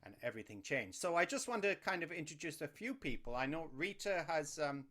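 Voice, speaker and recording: A man's voice: a little high, sing-song, a little fast, a bit bright. A man hosting a casual group discussion, speaking in a hesitant, rambling, apologetic way as he introduces people. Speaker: host and moderator. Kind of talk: casual online panel moderation.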